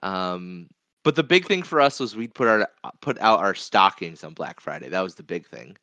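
On a casual movie podcast, a male co-host chats in a rambling way, repeating phrases as he goes. His low voice has lively intonation and a moderate pace, sounding pushed and bright, with no echo.

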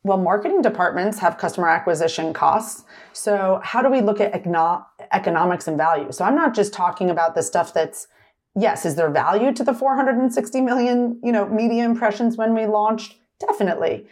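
A middle-aged woman being interviewed about her work, talking quickly with lots of "like" and "right?" tag questions. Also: medium pitch, a little mellow. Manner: fast, filler-heavy, tag questions like "right?". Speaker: retail executive guest. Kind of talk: conversational interview.

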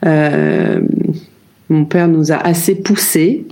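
Hesitant French woman with a dark voice. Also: low-pitched, wildly swooping pitch, takes it slowly. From France. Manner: hesitant, many fillers and restarts. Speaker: brand founder, guest. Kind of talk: reflective interview answers.

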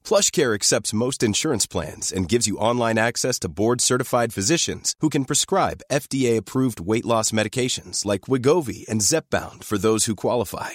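A man reading a scripted radio-style ad in a smooth promotional voice. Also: medium pitch, lively intonation, unhurried, few pauses, no room sound, clean studio sound. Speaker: ad announcer. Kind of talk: scripted ad read.

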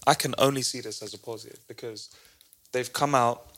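Young london bloke, roadman accent, middle pitch, slangy casual talk with mates. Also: fairly even intonation, brisk, a bit bright. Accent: London, urban street. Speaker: podcast co-host.

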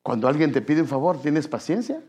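Man, preacher, fairly high voice, husky, conversational sermon. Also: sing-song, a little fast, a little mellow. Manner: conversational, addresses listeners as brother, asks questions.

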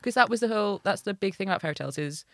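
A woman from Hull with a Hull accent, hosting a podcast in casual, animated, jokey storytelling chat. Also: medium pitch, very fast, no echo, clean studio sound. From Hull, England. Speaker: podcast host telling a fairy tale.

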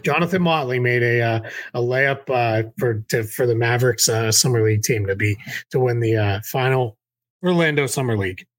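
A man's voice: mid-range voice, moderate pace, dry recording. A man from Massachusetts co-hosting a podcast, chatting casually about basketball from his home office, rambling with lots of fillers and laughs. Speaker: podcast co-host. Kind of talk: casual sports chat.

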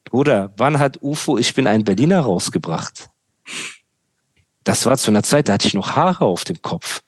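A man's voice: mid-range voice, animated, moderate pace, slightly rough, dry recording. A young man hosting a podcast, ranting sarcastically in casual chat full of street slang. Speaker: podcast host.

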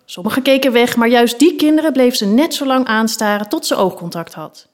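A woman's voice: on the high side, fairly quick. A woman reading a children's book aloud. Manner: lively storytelling.

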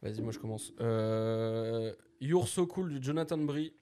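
A man's voice: medium pitch, measured pace, mellow, slight background noise. A young man co-hosting a casual podcast, enthusiastic and swearing casually. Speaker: podcast co-host.

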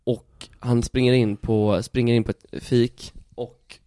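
A man in a relaxed podcast conversation, telling a story with lively energy. He swears casually and acts out the other people's lines. The sound is dry and close. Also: mid-range voice, dry recording. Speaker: guest telling stories.

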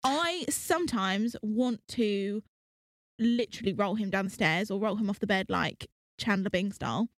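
A woman's voice: medium pitch, moderate pace, dry recording. Chatty young woman. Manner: chatty, laughs often, animated retelling. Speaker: podcast co-host. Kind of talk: casual chat.

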